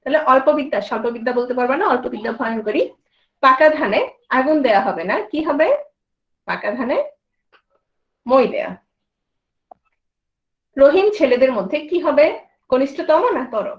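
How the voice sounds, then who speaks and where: High-voiced woman teaching grammar. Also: expressive, normal speed, long pauses, highs cut off. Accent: Bangladeshi Bengali. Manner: quizzing students with questions, then answering. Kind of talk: grammar lesson.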